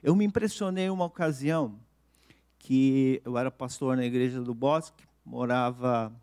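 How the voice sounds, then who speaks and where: A man with a Brazilian Portuguese accent, a pastor preaching a sermon in an earnest way, slowing and softening to stress key points. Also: medium pitch, smooth.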